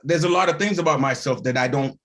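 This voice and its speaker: This guest actor from Haiti has a slightly high voice with vocal fry and a quick pace. Telling a story in a casual interview, he animatedly acts out quoted voices and pokes fun at himself with laughter.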